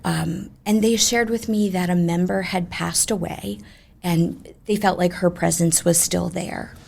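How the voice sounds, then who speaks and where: A woman ghost tour guide chatting in an animated, emphatic way as she tells ghost stories in an interview. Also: lowish voice, unhurried, gravelly. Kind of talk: conversational ghost storytelling.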